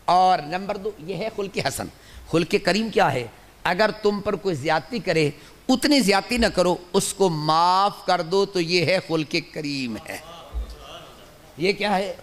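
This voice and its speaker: Male preacher, sermon, high voice, repeats key phrases for emphasis, recorded in a long reverberant hall. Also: expressive, a bit bright. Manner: asks the audience questions and answers them himself. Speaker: Islamic scholar and preacher.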